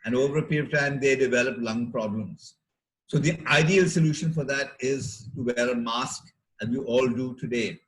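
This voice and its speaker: This middle-aged Indian-accented doctor gives a health talk to teachers, explaining things deliberately and measuredly with pauses between phrases. His voice sits in the mid-range, and the recording is rough.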